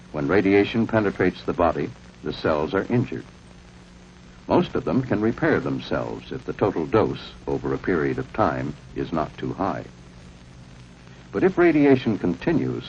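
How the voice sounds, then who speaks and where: Male American narrator for 1950s instructional film, low voice, strongly varied intonation, authoritative, on muffled old soundtrack. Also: a little mellow, slight background noise. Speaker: documentary narrator. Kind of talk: 1950s civil defense film narration, scripted.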